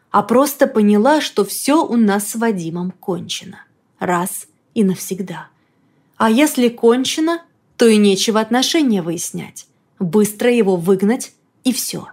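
A woman reading a first-person novel aloud in a lively, expressive storytelling manner. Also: a little high. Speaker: audiobook reader. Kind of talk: first-person audiobook narration.

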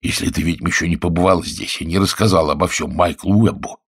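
Scheming stout husband read by a man, deep, husky, hushed and secretive, audiobook. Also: steady tone, fast. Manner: hushed, conspiratorial, often half-whispered.

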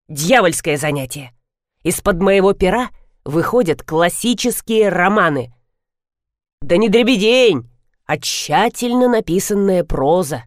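A woman's voice: fairly low pitch, no room sound, clean studio sound. A woman reading an audiobook, voicing a grumbling, pompous grey-haired old man. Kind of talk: audiobook character voice.

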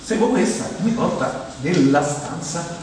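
A middle-aged man from Rome, Italy, with a Roman Italian accent, delivers a humorous, conversational stage monologue in a fairly high, unhurried voice. He's animated and rambling, telling stories, acting out quoted dialogue, and addressing the audience. The recording comes from a very echoey hall with a distant mic and clear background noise.

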